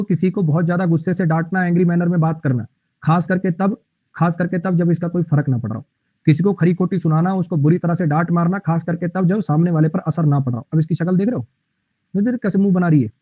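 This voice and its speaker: A man's voice: high-pitched, mellow, no echo, lo-fi sound. A male teacher explaining English vocabulary in Hindi in an online class, repeating himself and chatting with viewers.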